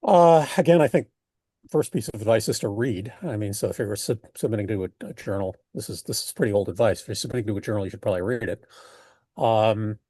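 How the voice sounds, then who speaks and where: Older male interviewee, American accent, mellow tone, dry close sound, thoughtful and halting delivery. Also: fairly low pitch, husky, dry recording. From United States. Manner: halting, thoughtful, rephrases mid-sentence. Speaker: poet being interviewed. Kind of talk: reflective interview talk.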